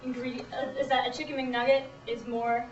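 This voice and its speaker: A young woman responds to feedback as a student presenter. Her voice sits a little high, and the recording is roomy and somewhat dull. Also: flat delivery, fairly quick. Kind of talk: answering feedback. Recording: roomy, dull, distant microphone.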